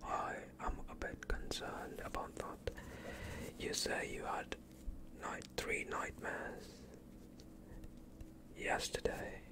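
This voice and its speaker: Calm and soothing, a young man whispers his way through an ASMR doctor roleplay. The breathy, unvoiced whisper sits close to the mic, and his questioning never rushes.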